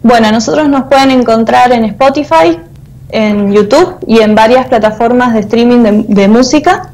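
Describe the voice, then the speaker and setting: A woman in her thirties with an Argentine accent speaks at normal speed in a fairly high, slightly mellow voice. A theatre artist and teacher, she gives conversational answers as an interview guest over a video call, using an earphone mic.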